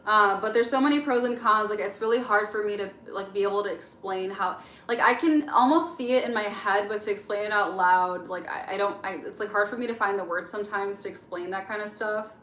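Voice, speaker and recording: A woman's voice: mid-range voice, brisk, hardly any pauses, a bit bright, a little hiss or hum. A young woman born in Egypt, casually chatting with viewers on a late-night livestream, answering chat questions with lots of fillers. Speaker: livestream host. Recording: roomy echo with faint music.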